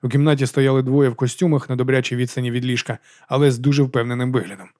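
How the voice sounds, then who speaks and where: A man reading a novel aloud as an audiobook narrator, in brisk, even storytelling. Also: mid-range voice, no room sound, clean studio sound.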